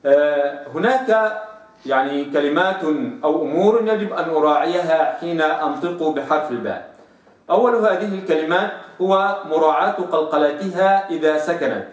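A man teaching Quranic recitation rules, stretching out example words slowly to demonstrate sounds. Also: a little high, roomy sound, recorded from a distance. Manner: drawn-out slow recitation of examples. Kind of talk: tajweed lesson with slow demonstrations.

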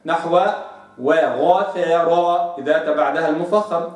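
A man teaching Quran recitation rules, slowly sounding out each example word. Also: fairly high pitch, steady tone. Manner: slow demonstrative pronunciation of examples. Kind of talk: tajweed lesson with recited examples. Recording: very echoey room, mic at a distance.

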